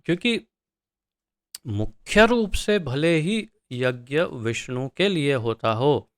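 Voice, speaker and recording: A man teaching scripture verse by verse, chanting each line slowly and then explaining it word by word with thinking pauses. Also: fairly high pitch, expressive, dry recording, studio quality.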